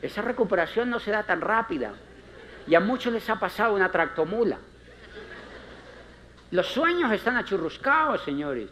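A man's voice: very animated, normal speed, pauses often, pushed and bright, a little hiss or hum. A man giving a conference talk as a motivational speaker, theatrical and emphatic, repeating phrases and acting out little scenes. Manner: theatrical, acts out characters with big pitch swings; repetitive, emphatic.

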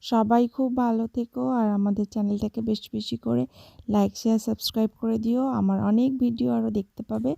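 A woman's voice: on the high side, level tone, quick pace, creaky, warm tone, no room sound, clean studio sound. A woman chatting fondly as a mother in a casual home vlog, using "to" as a filler. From Bengal. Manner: fond, chatty, repeats "to" as a filler. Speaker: mother vlogger.

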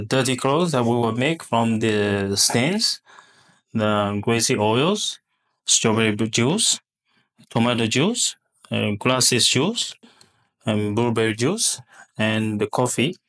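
Slow, halting man demonstrating a lab test. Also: on the low side, fairly bright tone. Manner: halting, many fillers and restarts. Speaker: product demonstrator.

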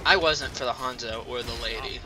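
A man chatting casually while playing a game, excitable, jokey and foul-mouthed. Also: medium pitch, a little fast. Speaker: gamer. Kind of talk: casual game chat with goofy put-on voices. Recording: noisy game audio behind the voice. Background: game sounds.

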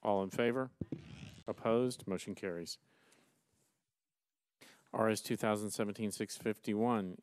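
A middle-aged man chairing a council meeting, reading resolutions aloud in a brisk, formal way from a desk mic. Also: fairly low pitch, a little mellow, clear, resonant tone, no room sound. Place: large council chamber, seated at dais. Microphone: desk gooseneck mic.

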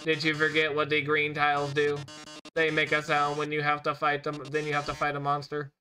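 A man's voice: on the high side, completely flat delivery, pushed and bright, faint music behind. A man doing a put-on robot voice for a showy, taunting male robot TV host during gameplay commentary. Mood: condescending. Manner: theatrical, mocking, drawn-out taunts.

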